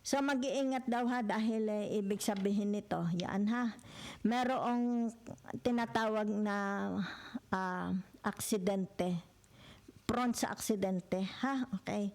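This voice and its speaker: A tarot reader with a Filipino accent gives her viewers a relaxed reading in a mid-range voice, speaking slowly with long pauses. She's chatty, switching freely between Tagalog and English and sprinkling in "okay?", "di ba?" and "yan."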